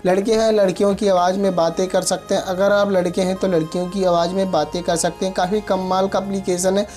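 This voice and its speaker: A man's voice: high voice, level tone, fairly quick, a little mellow. Man narrating an app tutorial over music. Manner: instructional, addresses listeners repeatedly as friends. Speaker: host of a tech tips channel. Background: background music.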